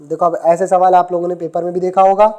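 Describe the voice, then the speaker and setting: Male maths tutor, high voice, teasing, repeats dictation to the class. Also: little pitch movement, fast, mellow. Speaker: maths teacher. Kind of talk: classroom lecture. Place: classroom with students.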